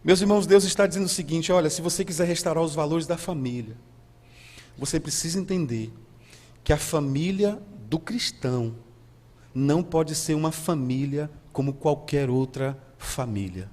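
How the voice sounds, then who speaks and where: A Brazilian man, a guest pastor preaching a sermon in a church, swinging from soft and low to loud and high. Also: moderate pace, long reverb tail. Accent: Brazilian Portuguese. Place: church hall.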